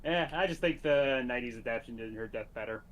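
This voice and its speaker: A man's voice: medium pitch, fast talker, a bit bright. A man chatting casually on a reaction show, making dry, offhand remarks. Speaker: co-host.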